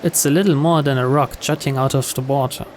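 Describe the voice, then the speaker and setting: Here a video game player reads a visual novel out loud as dramatic first-person narration, briskly and with fairly even intonation. His mid-range voice is recorded clearly, though background noise is present.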